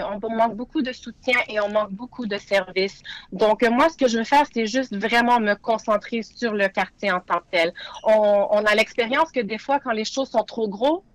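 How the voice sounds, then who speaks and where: Une femme originaire des Philippines, candidate municipale, répond en entrevue avec sérieux et beaucoup d'hésitations. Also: female voice, a little high, moderate pace, no room sound, rough recording. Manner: earnest, hesitant with many fillers and restarts. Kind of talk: interview answers.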